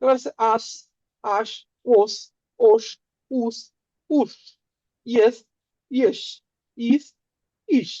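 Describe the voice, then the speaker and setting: Higher-pitched woman drilling pronunciation. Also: drawn-out words, pauses often, warm tone, no echo. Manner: drills sounds with repetition and quizzing questions. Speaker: language teacher. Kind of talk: beginner language lesson. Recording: dry, muffled lo-fi sound.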